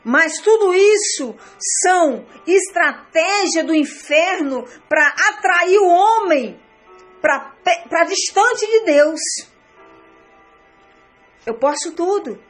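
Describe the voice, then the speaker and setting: Slow-preaching Brazilian woman pastor. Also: very high-pitched, animated, faint music behind. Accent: Brazilian Portuguese. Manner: earnest preaching, repeating phrases and addressing listeners as beloved. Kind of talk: sermon.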